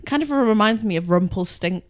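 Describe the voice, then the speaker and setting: A woman's voice: mid-range voice, animated, a little fast. A young woman from England, a podcast guest chatting casually in a playful, teasing way. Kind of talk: casual chat.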